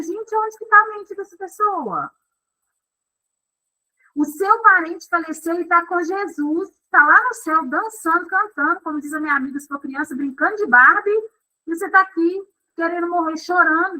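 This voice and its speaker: A woman with a Brazilian Portuguese accent speaks plainly and bluntly to her group on a faith talk show. Her voice sits high and sounds bright and forward. She has a cough today. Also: rough recording.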